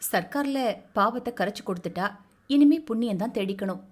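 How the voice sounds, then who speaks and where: A woman's voice: fairly high pitch, expressive, a little fast. A woman voicing a short, half-mad grown man who talks like a child and babbles eagerly and insistently. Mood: eager babbling.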